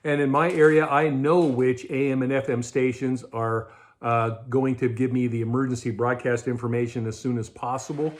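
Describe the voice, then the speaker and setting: This medium-pitched male voice holds a steady tone and a normal pace. The speaker is a middle-aged American who hosts a budget prepping show, chatting informally to camera about gear inside a shelved garage or storage space.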